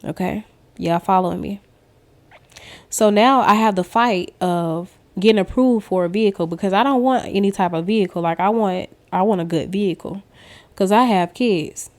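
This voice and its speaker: A woman vlogger shares a casual personal testimony about her faith, speaking directly to her viewers as she tells her story. Her voice is mid-range and her pace moderate, with a chatty storytelling manner.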